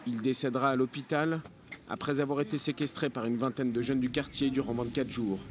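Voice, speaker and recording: A man's voice: medium pitch, steady tone, a little fast. A man with a middle-register voice narrates a scripted news report. He speaks as a reporter delivering a prepared package.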